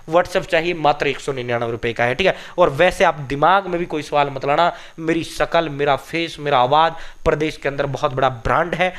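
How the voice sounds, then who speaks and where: A man's voice: fairly high pitch, a bit bright. Emphatic man giving exam news. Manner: emphatic, repetitive, addresses viewers as brothers. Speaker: coaching channel host. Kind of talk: exam news and sales pitch.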